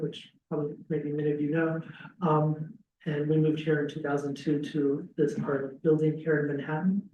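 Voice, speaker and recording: A man, a school dean, giving a relaxed information session to prospective students, with frequent ums and restarts, heard through a laptop webcam on a video call. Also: a little high, a little hiss or hum. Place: classroom with audience, also streamed on a video call. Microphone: laptop webcam some distance away. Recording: roomy, distant webcam audio.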